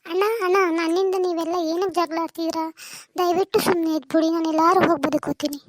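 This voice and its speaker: A woman's voice: very high voice, steady tone, fast, no room sound. A woman voicing a meek, sorrowful young woman in a cartoon drama, pleading with her family to stop fighting. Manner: pleading, self-effacing.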